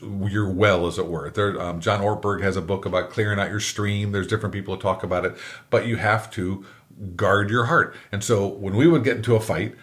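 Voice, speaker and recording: A man's voice: lowish voice, fairly even intonation, brisk, a bit bright. A middle-aged man, a comedian guest on an interview show, telling candid stories and acting out the voices in them with self-mocking humor. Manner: self-deprecating, acts out quoted exchanges. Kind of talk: candid conversational storytelling.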